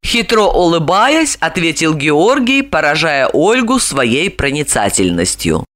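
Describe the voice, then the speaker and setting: A woman narrating an audiobook in an expressive, animated reading style. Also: low-pitched, unhurried. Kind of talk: scripted narration.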